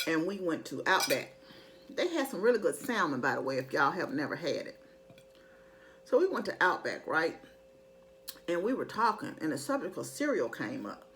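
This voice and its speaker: A woman's voice: mid-range voice, fairly bright tone, slight background noise. A middle-aged woman in casual, rambling chat to her viewers, conversational and emphatic when she makes a point. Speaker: mukbang vlogger.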